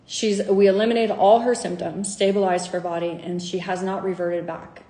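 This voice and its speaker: A woman's voice: mid-range voice, flat delivery, normal speed, warm tone, roomy sound. A woman health coach in candid, casual talk to her followers, acting out conversations with clients. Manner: chatty, candid, acts out dialogue.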